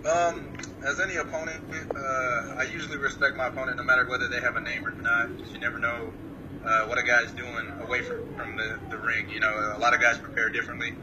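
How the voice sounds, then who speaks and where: A man from Samoa answering interview questions over a remote call, calm and modest, with many hesitant uhs. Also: mid-range voice, brisk, lo-fi sound. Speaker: guest fighter. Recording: distant mic with clear background noise.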